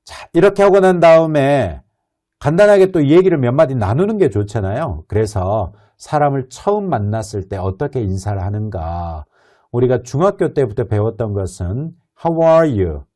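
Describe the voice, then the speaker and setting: A man teaching an English lesson, explaining patiently and reading model sentences slowly and clearly for learners to repeat. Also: mid-range voice, expressive, warm tone. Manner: explains patiently, with rhetorical questions. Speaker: English instructor.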